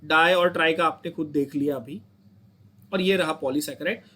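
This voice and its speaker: A man's voice: a little high, moderate pace, bright, forceful tone. A young Indian man teaching a chemistry lecture, coaxing his students, repeating points and asking them to say them back. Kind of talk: online lecture.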